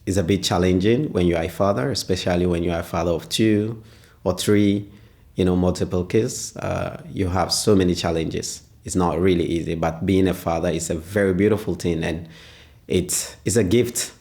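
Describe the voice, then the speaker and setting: A man, answering interview questions as a father, pausing often and searching for words. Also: low-pitched, steady tone, a little mellow. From Ghana. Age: 20s. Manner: hesitant, pauses often with "uh".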